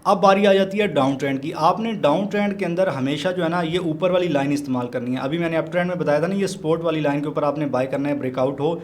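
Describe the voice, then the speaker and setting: A man's voice: a little high, fast, few pauses, slight background noise. A man from Pakistan, walking through trading charts as a teacher, chatty and repeating his points while he keeps calling the viewer brother. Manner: repeats points to drive them home. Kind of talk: chart walkthrough tutorial.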